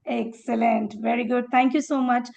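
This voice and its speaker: A woman teaching a speaking workshop in a fairly high voice with a gravelly edge. She calls on participants one by one, praises them, and acts out sample phrases to show each tone. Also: steady tone, moderate pace, darkish tone. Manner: encouraging, calls on participants by name; demonstrates tones by acting out phrases. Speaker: workshop educator.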